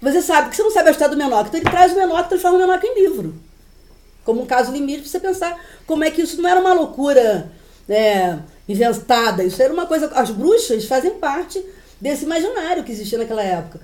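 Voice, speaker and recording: A woman giving a university class lecture in an animated, storytelling way. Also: high voice, fast talker, roomy sound. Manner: animated, storytelling, laughing often.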